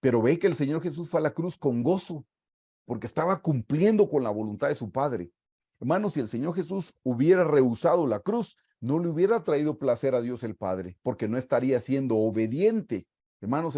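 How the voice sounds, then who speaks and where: A man teaches scripture over a video call in an emphatic preaching style. His pitch swings widely as he drives home each point, and his voice stays mellow. He keeps asking his listeners questions and repeating himself for weight. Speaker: Bible study teacher.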